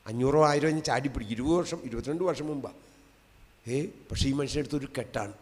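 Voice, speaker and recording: A man in his fifties, a lay preacher giving an emotional testimony sermon, swinging between loud emphatic cries and soft hushed asides. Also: medium pitch, fast. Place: large convention hall. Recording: long hall reverb.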